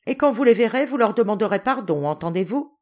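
A woman's voice: fairly high pitch, expressive, fairly quick, voice pushed up, lightly acted. A woman reading aloud, voicing a harsh, greedy aristocratic mother giving stern orders to her children. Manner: stern, commanding.

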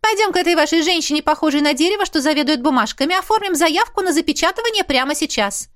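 A woman reading an audiobook and voicing a vain, gushing middle-aged mother in an excited, high sing-song chatter. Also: fast. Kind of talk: audiobook character voice.

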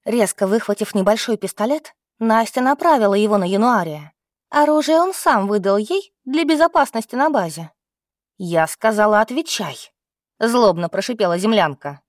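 A woman narrating a sci-fi audiobook with a steady, expressive delivery. Her voice is fairly high. The recording is dry, with no room sound. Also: normal speed, no echo. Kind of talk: scripted narration.

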